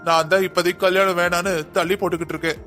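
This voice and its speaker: A high, quick male voice for a man playing a cocky young cartoon policeman who argues every point. He presses his case in a hurried, insistent way over light music. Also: level tone, pushed and bright. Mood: arguing. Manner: boastful, argumentative. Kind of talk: cartoon dubbing.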